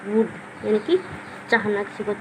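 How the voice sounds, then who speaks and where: A woman's voice: mid-range voice, normal speed, a little hiss or hum, low-quality recording. A woman explaining English spelling rules in a patient, repetitive teaching manner, asking questions and answering them herself. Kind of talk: classroom-style explanation.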